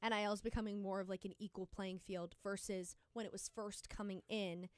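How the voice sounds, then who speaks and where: A woman's voice: medium pitch, steady tone, smooth, dry recording. A young woman co-hosting a sports radio show, talking casually with lots of fillers. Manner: chatty, fillers, quick opinions.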